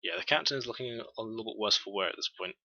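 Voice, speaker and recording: A man's voice: on the low side, animated, very fast, vocal fry, bright, forceful tone, no room sound, highs cut off. A man narrating a tabletop game as game master, hesitant and full of filler sounds.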